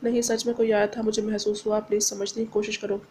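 A woman voicing a young blind wife who pleads tearfully and flares up quickly, read as part of a novel. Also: mid-range voice, flat delivery, mellow, slight background noise, lightly acted. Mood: pleading.

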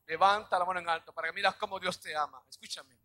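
High, bright-voiced preaching man. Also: steady tone, quick pace. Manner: dramatic, acts out little scenes and shouts key lines. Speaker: pastor. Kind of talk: preaching a sermon.

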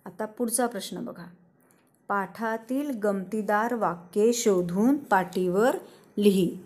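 A woman teacher, patiently explaining a lesson to children and repeating instructions slowly. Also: mid-range voice, darkish tone. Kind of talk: online class lesson for children.

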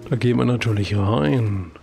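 A man's voice: lowish voice, normal speed, vocal fry, over music. A man with a German accent giving casual commentary as he plays a video game, chatty and talking to himself with jokey exclamations. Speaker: let's play host.

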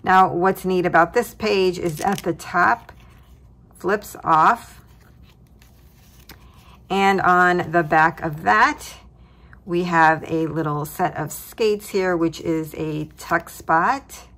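A woman with a fairly low-pitched, fairly bright voice takes her time as she hosts a craft tutorial. Seated at a tabletop desk, she gives a relaxed walkthrough of her project, chuckling cheerfully along the way.

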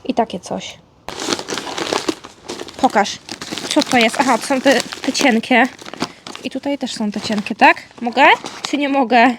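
At home amid some background noise, a vlogger opens her dog's birthday presents, chatting playfully and coaxing him in sweet pet-talk. Her voice is fairly high, and she speaks unhurriedly with frequent pauses.

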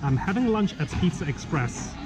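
A man's voice: a little high, animated, moderate pace, music in the background. A man from Hong Kong narrating a casual travel vlog in a matter-of-fact way with wry asides. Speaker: vlogger.

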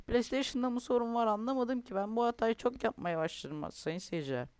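A man's voice: very high-pitched, fairly quick, darkish tone, clean tone, no echo. A young man commentating his own football video game, ranting and complaining with lots of swearing. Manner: frustrated, swears often, rants and complains. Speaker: gaming youtuber.

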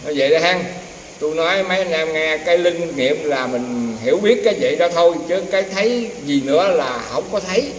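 A man's voice: fairly high pitch, lively intonation, brisk. An older man, a temple herbal healer, casually telling rambling, folksy stories and acting out the dialogue of others. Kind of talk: casual storytelling. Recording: echoey, distant, roomy with faint noise.

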